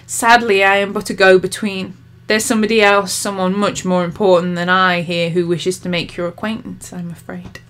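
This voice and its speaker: A woman's voice: on the low side, level tone, moderate pace, few pauses, fairly bright tone, lightly acted. A woman reading a sly young pagan woman who teases with mock meekness. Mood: mock-meek. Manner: teasing, mock-meek.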